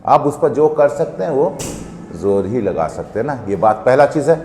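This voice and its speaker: A man's voice: medium pitch, big pitch swings, normal speed, a little mellow. A male teacher giving a physics lesson in a classroom, explaining step by step and often asking students questions. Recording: echoey room, long reverb.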